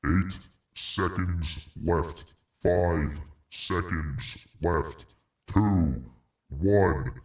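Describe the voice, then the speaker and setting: Gravelly monster voice filter. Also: male voice, roomy sound, recorded from a distance. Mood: chatty. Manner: slow, careful, deliberate talking. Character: monstrous deep-voiced male cave creature. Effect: deep voice changer filter. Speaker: streamer.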